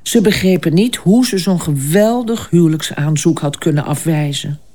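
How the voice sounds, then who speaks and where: A storyteller reading a fairy tale aloud in an expressive, unhurried way. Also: mid-range voice.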